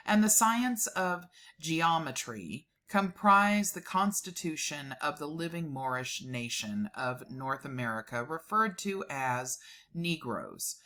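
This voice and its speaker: A female host with a deep register and a crisp, bright tone reads a document dramatically, breaking it up with informal commentary.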